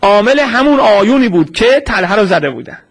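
A man's voice: high-pitched, husky. A man giving a sermon as a story, posing rhetorical questions and answering them himself. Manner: acts out quoted speech in a lively retelling. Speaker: preacher.

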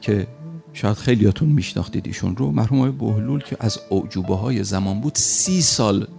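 A man telling a religious story as a preacher, animated and pausing for effect. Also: on the low side, vocal fry, soft background music.

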